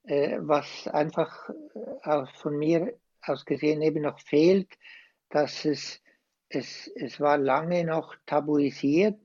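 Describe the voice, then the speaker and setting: A man, a former priest speaking as a guest, slow and hesitant but impassioned. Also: a little high, darkish tone, no echo, muffled recording. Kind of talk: conversational interview.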